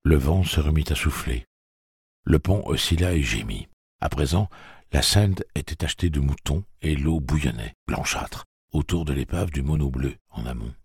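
Deep, gravelly male audiobook narrator. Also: expressive, moderate pace, dry recording, studio quality.

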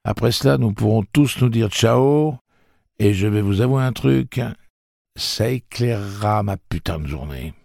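A swaggering, foul-mouthed young tough in a spoken story, sneering out his threats in a voice pushed well above the reader's own deep tone, as a male narrator puts him on. The voice stays a little husky and sits in a dry, close room. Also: lively intonation, measured pace, a little mellow, no room sound, exaggerated voice. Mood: menacing.

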